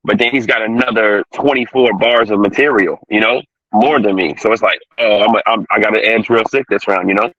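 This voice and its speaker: A man's voice: on the low side, steady tone, a bit bright, no echo. Man on a fuzzy, distorted call. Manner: rapid, full of "you know" fillers. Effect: fuzzy distorted connection. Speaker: battle rapper guest. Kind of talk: casual online interview. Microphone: online call from a phone on mobile data. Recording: dull lo-fi distorted call audio.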